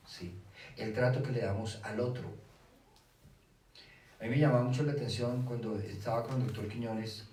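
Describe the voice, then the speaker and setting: Brief: Colombian male speaker, lively lecture style, miked from afar in a reverberant room. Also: medium pitch. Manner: animated, asks rhetorical questions, acts out dialogue. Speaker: speaker on children's faith. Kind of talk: lecture to a live audience. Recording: echoey room from far off, faint hiss.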